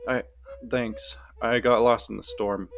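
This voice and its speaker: A man's voice: mid-range voice, steady tone, unhurried, gravelly, fairly bright tone, soft background music. A man voicing a reserved, straight-laced young man who gets easily flustered.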